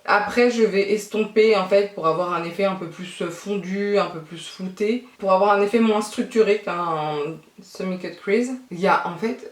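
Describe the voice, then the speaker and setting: A woman's voice: medium pitch, distant mic. A young adult woman chatting casually through a makeup tutorial as a beauty vlogger, thinking aloud with many fillers. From France. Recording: echoey room.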